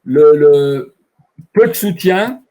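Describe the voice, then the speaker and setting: Man, webinar coach, fairly high-pitched, thinks aloud with questions, computer mic. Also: lively intonation, takes it slowly, mellow. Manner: explains by asking himself questions. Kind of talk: live online training talk.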